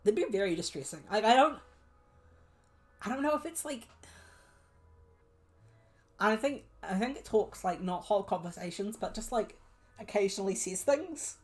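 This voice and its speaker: A woman's voice: medium pitch, animated, moderate pace, pauses often. A young woman streaming a solo tabletop game, reading prompt lists aloud and musing at length with many fillers.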